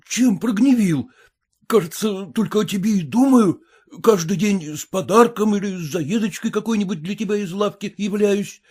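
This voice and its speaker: A woman's voice: sits low, lively intonation, unhurried, dark tone, breathy edge, pitched above the performer's own voice, heavily acted. A woman voicing a bewildered merchant husband in a storybook reading, pleading and flustered. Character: bewildered middle-aged merchant husband, meek.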